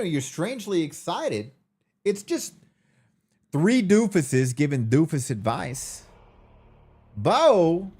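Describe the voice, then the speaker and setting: A man with a high, darkish voice and a breathy edge hosts his live stream. He chats casually and greets viewers by name in an upbeat tone.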